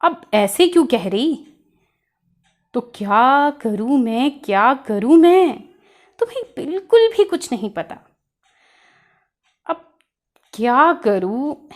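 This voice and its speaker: Woman voicing a bumbling young man, high and very slow. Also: big pitch swings, heavily acted. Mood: puzzled, pleading. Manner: puzzled, stumbling questions with playful whining. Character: bumbling young man, cheerful, weak at Hindi.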